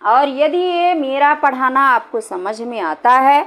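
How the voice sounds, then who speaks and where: A woman's voice: sits high, lively intonation, takes it slowly, a bit bright. A middle-aged woman teaching Hindi grammar in a classroom style, repeating points and often checking that students follow. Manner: repetitive, checks understanding with "है ना".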